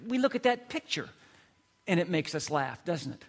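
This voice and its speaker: A man's voice: on the high side, sing-song, normal speed. A middle-aged man preaching a sermon in a conversational, playful way, full of questions put to the congregation. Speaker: pastor.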